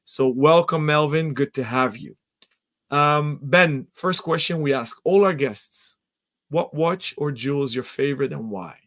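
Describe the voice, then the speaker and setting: A man hosting a live interview show, asking questions in an energetic, enthusiastic way. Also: fairly high pitch, measured pace. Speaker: podcast host.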